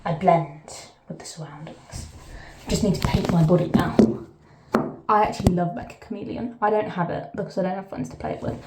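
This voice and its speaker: A vlogger with a lowish voice and a southern English accent talks brisk and casual to camera while sitting in a bathtub. She rambles through asides and breaks off mid-thought, and the echoey bathroom recording is very noisy.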